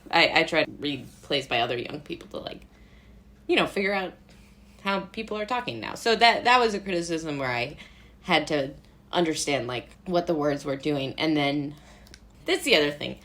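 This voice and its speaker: Her low voice is fairly bright, with lively intonation and a moderate pace. This young Brooklyn-born American woman, a playwright and actor, rambles through anecdotes as a podcast guest in a casual chat, quoting remarks she imagines others making.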